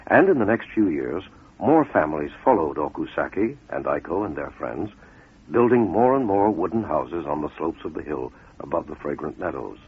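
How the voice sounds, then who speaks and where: On a muffled radio recording, a man tells a fable like a scripted, dramatic storyteller, speaking in measured, deliberate phrases and pausing for effect. His voice rumbles low and is expressive, with slight background noise.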